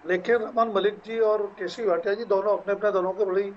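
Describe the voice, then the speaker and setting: A man giving calm, measured commentary as a political analyst on a TV panel. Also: high voice, dull audio, slight background noise. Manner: measured, advisory.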